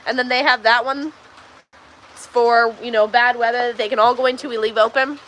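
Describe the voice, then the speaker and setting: A woman's voice: on the high side, steady tone, normal speed, noisy background. A woman from Texas hosts a casual livestream from a barn's milking stall. She chats with viewers and answers their questions while coaxing the cows along. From Texas, USA. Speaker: livestream host. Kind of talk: casual livestream chat while doing farm chores. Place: milking stall in a barn on a farm.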